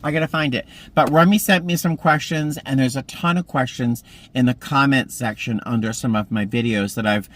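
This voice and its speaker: A man's voice: medium pitch, steady tone, normal speed, hardly any pauses, a bit bright. Chatty man in his fifties vlogging. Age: 50s. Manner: chatty, meandering storytelling. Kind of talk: casual vlog chat. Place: parked car.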